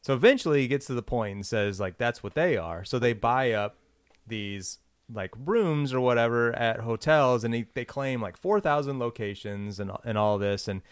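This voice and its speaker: A man's voice: mid-range voice, expressive, normal speed, clean tone, no echo, studio quality. Man rambling through a story, lots of "like". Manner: rambling, filler-heavy storytelling. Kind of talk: casual storytelling chat.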